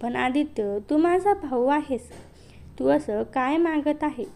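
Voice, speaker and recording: A woman's voice: sits high, expressive, slow pace, vocal fry, a little mellow, full character voice. A woman voicing a tearful, pleading young elder sister in a read-aloud story. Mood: hushed resigned.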